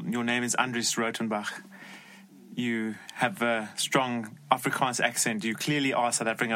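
A man speaking informally and a little haltingly as a podcast host and interviewer. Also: medium pitch, bright, forceful tone. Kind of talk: casual podcast talk. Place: podcast studio.

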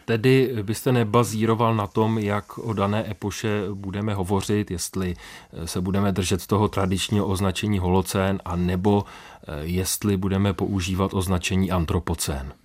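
Low-voiced man, formal radio interviewer. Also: little pitch movement, a little mellow.

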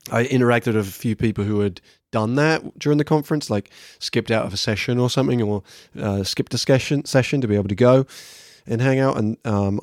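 A man's voice: on the low side, darkish tone, no room sound, clean studio sound. A man from England with an English accent, talking casually and candidly as a solo podcast host reflecting on his work. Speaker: podcast host, workshop trainer.

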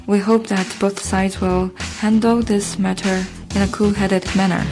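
Woman, live interpreter voice, official statement, even steady delivery, little pitch movement. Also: unhurried, over music. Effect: live interpreter voice over a press briefing.

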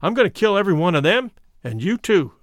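A man's voice: high-pitched, very animated, fast talker, dry recording, studio quality. A man voicing a menacing young hired gunman with a snarling, threatening delivery. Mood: snarling threat.

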